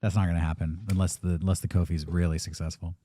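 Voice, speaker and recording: A man in his late thirties co-hosting a podcast, talking openly and thoughtfully about his plans in loose, casual chat. His voice is mellow and dark in tone, recorded close and dry with no room sound. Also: deep voice, flat delivery, quick pace, dry recording. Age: 30s. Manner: candid, reflective, swears casually. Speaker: podcast co-host.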